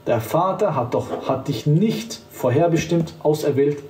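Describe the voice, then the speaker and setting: Guy preaching hard straight at you, kinda high voice, echoey room. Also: lively intonation, unhurried, a little mellow. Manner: fervent, emphatic, addresses the listener directly. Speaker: evangelist. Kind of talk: street-style preaching to camera. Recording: roomy sound, voice from a distance.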